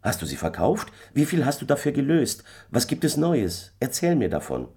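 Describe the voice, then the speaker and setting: A man's voice: medium pitch, huge pitch swings, moderate pace, warm tone, husky, voice pushed up, heavily acted. A man voicing a worried, scolding peasant wife in a fairy tale, firing off nagging questions.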